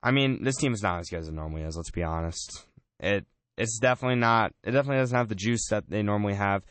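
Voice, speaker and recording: A man hosting a casual sports talk show on college radio, chatty and relaxed, often saying "man" and "I mean". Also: on the low side, fast talker, dry recording.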